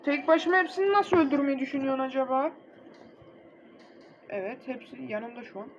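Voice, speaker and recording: A young man casually commenting on his mobile gameplay, excitable and quick to get frustrated, talking straight to his viewers. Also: very high voice, a little hiss or hum. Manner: excitable, easily frustrated, talks to viewers directly. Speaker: gaming channel host. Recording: dull lo-fi recording with faint game music.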